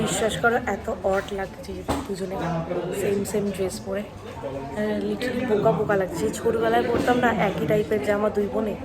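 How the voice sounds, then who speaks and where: A young woman chatting casually as a vlogger, excitable and talkative. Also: a little high. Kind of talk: casual vlog narration. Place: family home and outings.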